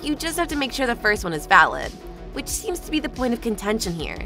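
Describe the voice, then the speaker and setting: A woman's voice: a little high, sing-song, quick pace, music in the background. A woman reading a scripted news narration as the narrator.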